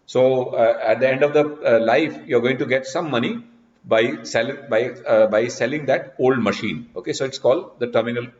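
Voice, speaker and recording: A man's voice: medium pitch, normal speed. A man teaching an online class, explaining patiently with many "you know" fillers. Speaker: lecturer. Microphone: video call. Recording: dull video-call audio, echoey room.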